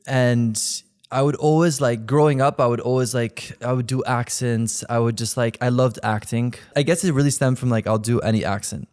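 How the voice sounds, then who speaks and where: A man's voice: medium pitch, fairly even intonation, normal speed, hardly any pauses, a little mellow, clean tone. A man in his twenties from Belgium, chatting casually as an interview guest and leaning on "like" as a filler. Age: 20s. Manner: rambling, heavy use of "like" fillers. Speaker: guest, content creator.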